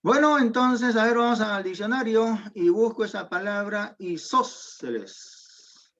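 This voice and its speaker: A male secondary school math teacher with a slow, high, slightly bright voice and lively intonation runs an online geometry class. He patiently explains things step by step and asks his students questions, all captured in dull lo-fi audio.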